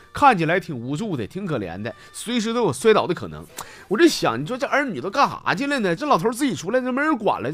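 A man with a Northeastern Mandarin accent, hosting a comedy podcast and telling jokes and funny stories in a lively, folksy way. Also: on the high side. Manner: lively storyteller with folksy slang.

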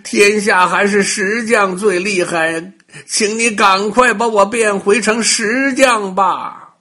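A man's voice: a little high, expressive, slow, fairly bright tone, breathy edge, full character voice. An older man voicing a restless, envious stonemason who exclaims his wishes and cries out in pain. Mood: crying pain.

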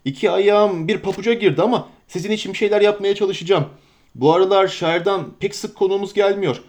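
A man reading aloud and voicing a stout, bustling, forgetful middle-aged innkeeper who chatters in a hurried, flustered way. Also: high-pitched, steady tone, a little mellow, voice pushed up, natural voice.

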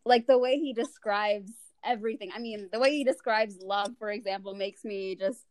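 A woman's voice: mid-range voice, normal speed, dry recording. Candid young woman host, rambling. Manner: candid, rambling, fillers and swearing. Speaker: podcast host. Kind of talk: casual chat.

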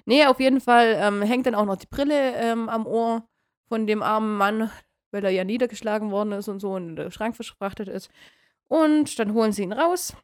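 A woman co-hosting a casual podcast, recapping a story with many fillers and frequent laughs. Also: on the high side. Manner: lively, laughs often, halting fillers. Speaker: podcast co-host. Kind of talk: casual chat recapping a radio play episode.

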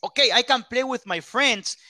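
A man from Ecuador, a football pundit in an interview, halting as he searches for English words. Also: extremely high pitch, pushed and bright, dry recording.

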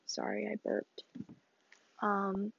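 A woman's voice: medium pitch, completely flat delivery, takes it slowly, vocal fry, muffled recording, slight background noise. A teenage woman hosting a casual solo podcast, chatty and rambling, sniffling and laughing as she talks. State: sniffly, coughing. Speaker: podcast host. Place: small bedroom.

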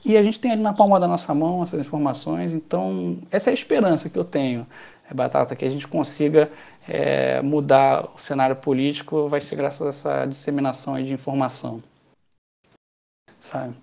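A political candidate from Rio de Janeiro, Brazil, with a Carioca Portuguese accent answers interview questions hesitantly, with many fillers and restarts. His fairly high, warm voice has fairly even intonation, a little fast, with vocal fry.

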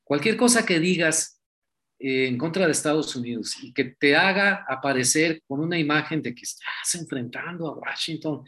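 A man talks politics in a loose, conversational way, his voice sitting a little high for a man. He keeps tossing in rhetorical questions as he builds his point. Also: normal speed, bright, forceful tone. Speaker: political commentator. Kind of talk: casual political talk.

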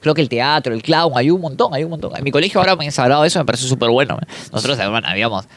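A man with a Peruvian accent, a guest on a casual podcast, telling stories in a lively way. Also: medium pitch. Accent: Peruvian Spanish. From Peru. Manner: animated storyteller, quick and lively. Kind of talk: casual chat.

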